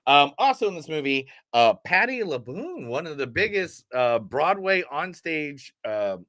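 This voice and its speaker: Male podcast host: casual, emphatic film talk, bright tone, very expressive intonation. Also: fairly high pitch, unhurried, dry recording. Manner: enthusiastic, emphatic. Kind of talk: casual movie chat.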